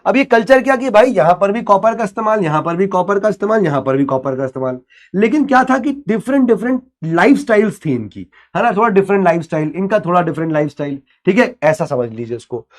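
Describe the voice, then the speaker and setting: A man's voice: high voice, lively intonation, fast. A man teaching an online exam-prep history class in a chatty way, asking and answering his own questions and mixing in English terms. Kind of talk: online lecture.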